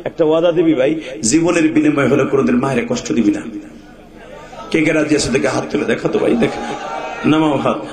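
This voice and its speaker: A male preacher delivers a sermon in a melodic chant that swells into shouted appeals. His voice sits fairly high. It rings out through an echoey outdoor loudspeaker system. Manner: sing-song chanting that rises to shouting. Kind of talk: Islamic sermon. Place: large outdoor gathering.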